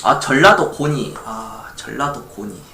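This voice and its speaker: A man's voice: mid-range voice, measured pace, gravelly, pushed and bright, echoey room, slight background noise. A man from Gwangju streaming live about stock investing in a casual chat, reading viewer messages aloud. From Gwangju, South Korea. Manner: chatty, reads viewer chat aloud, laughs lightly.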